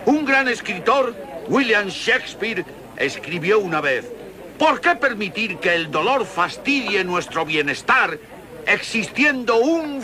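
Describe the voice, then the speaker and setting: High, animated snake-oil barker. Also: male voice, heavily acted. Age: middle-aged. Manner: grandiose, theatrical speech-making. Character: grandiose middle-aged male snake-oil huckster. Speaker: travelling tonic salesman. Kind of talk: carnival barker sales pitch, dubbed western film.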